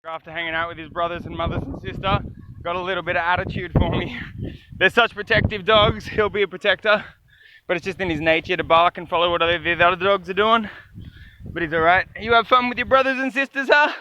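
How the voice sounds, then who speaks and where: A man's voice: high voice, fairly even intonation, fast, lo-fi sound, background noise. A man talking casually to camera outdoors in a rural garden, chatty and swearing now and then, with dogs barking around him. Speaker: vlogger. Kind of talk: casual vlog commentary.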